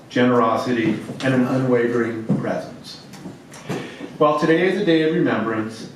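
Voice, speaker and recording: Man giving a solemn eulogy, very echoey. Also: mid-range voice. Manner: measured, solemn, phrase-by-phrase delivery. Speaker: officiant of a memorial service. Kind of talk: formal eulogy read from prepared text. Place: large echoey room at a gathering. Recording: echoey hall, distant mic, faint noise.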